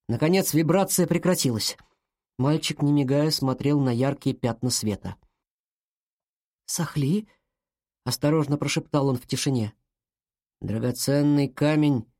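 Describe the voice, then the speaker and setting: An audiobook narrator reading a children's fantasy story in a calm, even manner. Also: mid-range voice, no room sound, clean studio sound.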